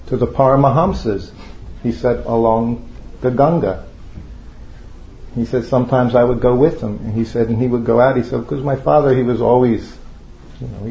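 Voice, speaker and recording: A man's voice: mid-range voice, vocal fry, mellow, reverberant, lo-fi sound, slight background noise. A man casually telling a long personal story to a group, rambling and laughing often as he goes. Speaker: storyteller recounting memories. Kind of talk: casual anecdote told to a group.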